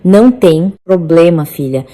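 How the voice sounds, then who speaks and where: A woman voicing a gentle, self-effacing elderly mother, speaking low and quiet in a narrated story. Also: lively intonation, unhurried.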